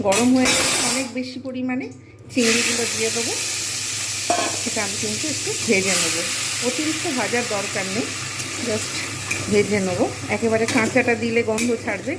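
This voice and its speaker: A hoarse woman with a cold, hosting a cooking channel and explaining each ingredient and step as she cooks. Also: on the high side. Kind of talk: casual cooking demonstration. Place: home kitchen, cooking at the stove. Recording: noisy kitchen with frying sizzle.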